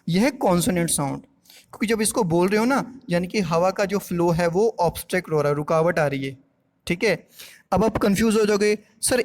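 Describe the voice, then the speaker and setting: Patient Indian male grammar teacher. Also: high voice. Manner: explains patiently, repeats and checks understanding; dictates example phrases slowly and deliberately. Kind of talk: classroom-style grammar lesson.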